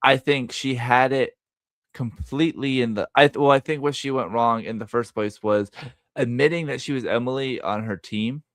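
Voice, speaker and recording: A man's voice: medium pitch, normal speed, a bit bright, no echo, clean studio sound. A man in casual podcast chat about a TV show, rambling with many restarts and acting out quotes. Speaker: podcast co-host.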